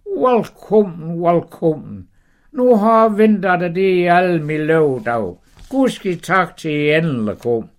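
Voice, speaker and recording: A man voicing Abraham, an eager, hospitable old man, speaking excitedly. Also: high voice, voice pushed up. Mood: welcoming. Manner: excited, warm welcoming.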